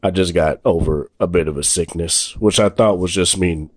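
A young man with a deep voice, his throat still a little sore after being ill, reviews a phone hands-on while sitting indoors at a table off camera. He speaks at a moderate pace with a breathy edge, relaxed and rambling, full of fillers and restarts. There's no echo in the recording.

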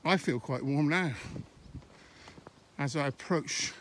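This walking vlogger, a middle-aged Englishman, chats loosely while holding his phone camera on a stroll through country lanes and fields. His voice is a little high and a bit bright, and he pauses partway through sentences against faint outdoor noise.

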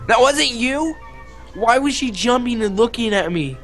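A young man hosting a casual gameplay video, excitable, shouting and goofing around as he plays. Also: very high voice, unhurried, faint music behind. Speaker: gaming video host.

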